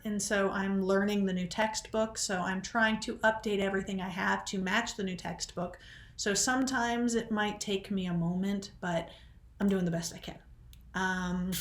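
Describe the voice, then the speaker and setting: A woman's voice: medium pitch, roomy sound. A woman biology instructor talking casually in a recorded lecture, rambling and self-deprecating, a little short of breath.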